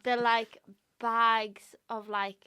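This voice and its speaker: A woman's voice: on the high side, level tone, very slow, pushed and bright, a little hiss or hum. A British woman co-hosting a casual podcast, talking in a rambling, hesitant way full of fillers. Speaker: podcast co-host. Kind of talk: casual chat.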